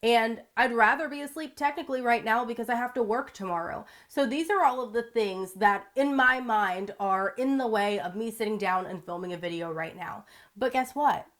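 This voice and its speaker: A woman's voice: on the high side, moderate pace, fairly bright tone. A congested, sick woman giving a direct, blunt motivational talk to camera as a vlogger.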